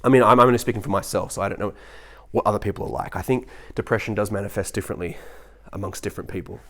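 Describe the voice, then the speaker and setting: A man vlogging in a loose, rambling monologue. He talks quickly and animatedly, restarting his sentences often and slipping into mocking voices for the people he quotes. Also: lowish voice, a bit bright. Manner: mock voices when quoting others.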